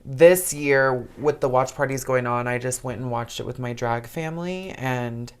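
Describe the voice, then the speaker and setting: A man's voice: mid-range voice, moderate pace, clear, resonant tone. A man from Missouri, a drag performer guesting on a casual podcast, with a loose, giggly way of talking. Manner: giggly, loose, says "y'all".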